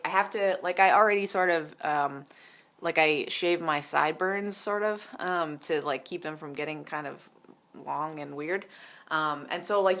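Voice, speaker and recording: This young male vlogger has a fairly high, bright, forceful voice that cracks every so often. At home, he rambles through a casual diary update with frequent "um"s and "like"s.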